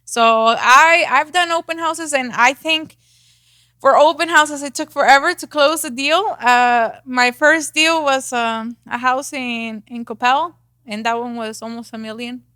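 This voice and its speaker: In a casual interview, this Mexican real estate agent guest talks candidly in a thick Mexican Spanish accent, using fillers and restarting often. Her voice sits high with a steady, sharp tone and a slightly slow pace, recorded at studio quality with no echo.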